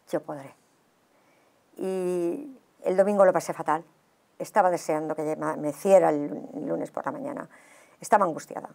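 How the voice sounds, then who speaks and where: A woman giving her personal testimony in an interview. She tells it as an animated story and acts out the dialogue. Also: on the low side, gravelly.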